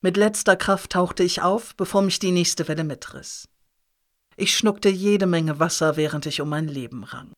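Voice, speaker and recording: A man reads a first-person novel aloud with expressive, dramatic delivery. His voice sits slightly above the typical male range. The narration is steady and story-driven. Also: high voice, normal speed. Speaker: audiobook reader.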